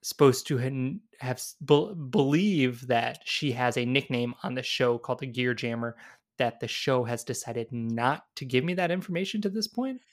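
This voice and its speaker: A man's voice: mid-range voice, moderate pace. A man co-hosting a podcast, chatting casually in a wry, rambling way and often correcting himself mid-sentence. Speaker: podcast co-host. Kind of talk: casual chat.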